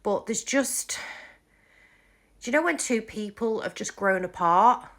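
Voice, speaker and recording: A woman's voice: mid-range voice, expressive, a little slow, a bit bright. A woman vlogging about her psychic readings in a casual monologue, rambling and hesitant with many ums and restarts.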